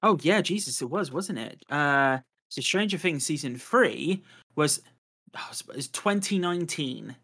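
A man's voice: fairly high pitch, animated, unhurried, sharp tone. A man hosting a casual podcast chat, rambling with lots of fillers and a habit of saying "to be honest". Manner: chatty, many fillers, "to be honest". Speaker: podcast host.

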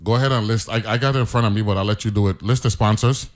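Chatty Crucian man with a low voice. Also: steady tone, very fast. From St. Croix, US Virgin Islands. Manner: chatty, repeats words, playful teasing. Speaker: radio show host. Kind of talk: casual radio talk show.

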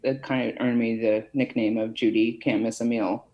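A woman's voice: very deep voice, level tone, normal speed, dull audio. Chatty middle-aged woman. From Massachusetts, USA. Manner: chatty, storytelling, many fillers. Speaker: podcast guest. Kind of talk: conversational interview.

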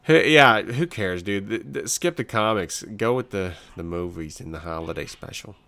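In a casual review of shows and films, this male podcast co-host talks bluntly and in a laid-back, slangy way about what he's been watching. He speaks at normal speed with a fairly low, fairly bright voice and lively intonation.

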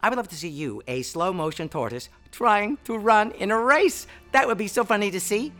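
Man doing a bragging storybook hare, high, loud, and quick. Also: lively intonation, faint music behind. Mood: mocking. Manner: mocking, fast and bragging. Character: boastful teasing male hare, quick and cocky.

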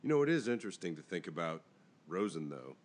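Low-voiced man hosting a sports podcast. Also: fast. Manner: animated, rambling. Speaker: podcast host. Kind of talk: casual sports chat.

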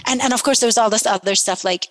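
Animated woman guest from Iran, echoey. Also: a little high, fast talker. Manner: animated storyteller with many fillers and restarts. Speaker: podcast guest. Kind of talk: casual storytelling in conversation.

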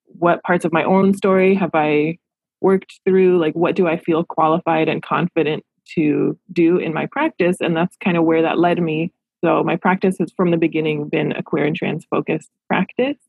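A woman in her thirties speaks as a therapist in an interview, reflective and earnest. Her voice is low-pitched and husky, with a gravelly edge. The recording is dry and close. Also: no echo, narrow, tinny audio. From Los Angeles. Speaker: therapist and practice owner. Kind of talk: podcast interview answers.

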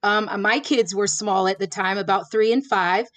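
A woman in her forties from Florida, a former prosecutor, answering interview questions in a measured, earnest way with many fillers. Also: mid-range voice, steady tone, a bit bright. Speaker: judicial candidate, former prosecutor.

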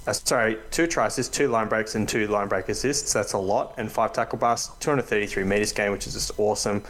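A man's voice: lowish voice, brisk, fairly bright tone, a little hiss or hum. A man hosting a casual, matey and slangy fantasy rugby league chat. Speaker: podcast host.

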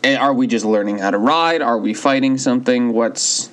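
A man's voice: mid-range voice, moderate pace. A man co-hosting a podcast, asking questions in casual chat. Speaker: podcast co-host.

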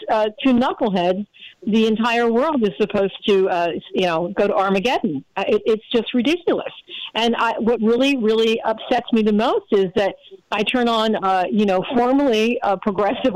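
A woman's voice: fairly high pitch, darkish tone, no room sound, poor audio. Radio host woman, middle-aged, blunt and rambling, dry close sound. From United States. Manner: blunt, rambling, frequent fillers. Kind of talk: casual opinion chat.

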